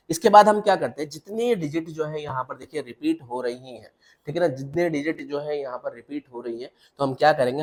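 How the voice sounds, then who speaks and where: Male maths teacher. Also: a little high. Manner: repetitive checks with the class, mixing English terms into Hindi. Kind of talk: classroom lecture.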